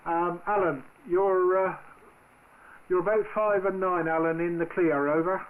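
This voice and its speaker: Acting as controller of an amateur radio net, a man speaks in radio procedure, informal and hesitant. His high voice comes at a measured pace through narrow, tinny audio from a noisy shortwave radio with steady static.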